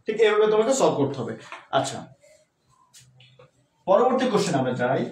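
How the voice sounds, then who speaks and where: A man's voice: high-pitched, sing-song, brisk, recorded from a distance. A man teaching English for a university admission test in a live online class, talking to students informally and mixing English terms into his explanations. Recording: roomy echo, voice a bit off-mic.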